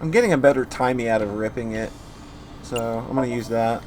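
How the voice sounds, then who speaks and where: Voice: mid-range voice, fairly quick, darkish tone. A game streamer giving casual, playful, joking commentary on a playthrough. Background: faint game music.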